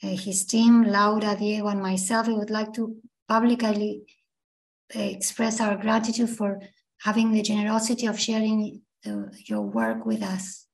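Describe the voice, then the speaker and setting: A hoarse woman introducing a guest speaker, reading his bio aloud with fillers and self-corrections. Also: mid-range voice, moderate pace, low-quality recording.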